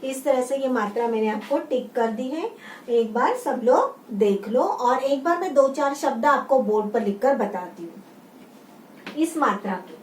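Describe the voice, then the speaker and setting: In a room with a writing board, a high-voiced woman schoolteacher takes young children through a lesson, speaking each word slowly and expressively, repeating it and asking the class to echo her. The mic is set far off, giving a roomy, distant sound with a faint background hum.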